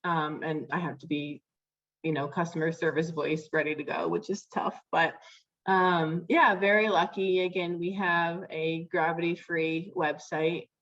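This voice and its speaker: A woman's voice: lowish voice, level tone, measured pace, fairly bright tone, dull audio. A young adult woman, a florist guest on a video call, talking casually with many "like"s and "um"s. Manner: chatty, many fillers like "like" and "um".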